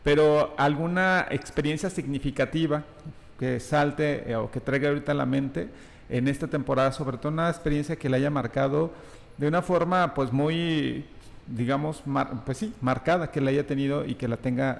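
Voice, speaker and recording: Gravelly Mexican interview host. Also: male voice, mid-range voice, moderate pace. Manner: hesitant, many fillers and restarts. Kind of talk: interview questions. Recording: reverberant room.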